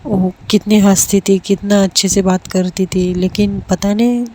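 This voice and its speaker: A woman's voice: mid-range voice, fairly even intonation, normal speed, warm tone, slight background noise, close to an everyday voice. A woman voicing a caring young student who speaks earnestly about her friend. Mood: concerned.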